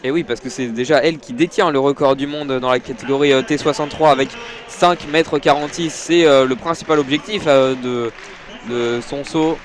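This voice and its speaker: A man giving live audio-described athletics commentary from a stadium, hesitant with many fillers, rising when excited. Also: medium pitch, normal speed, a faint crowd. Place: outdoor stadium.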